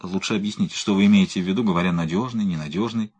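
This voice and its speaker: Audiobook: man voicing a wary lawyer, doubtful and probing, husky voice. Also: sits low, very fast, darkish tone, voice pushed down. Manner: doubtful, questioning. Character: skeptical male lawyer, wary and pragmatic. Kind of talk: audiobook reading.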